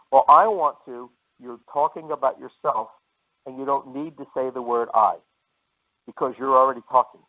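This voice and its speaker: A man runs a sales training session and talks it through in a steady lecturing way. He often repeats himself and slows down to spell out lists of words. His voice comes through a narrow, tinny line, as if heard over a phone call. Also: mid-range voice. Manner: repetitive, lecturing, pauses to list words slowly. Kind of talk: training presentation.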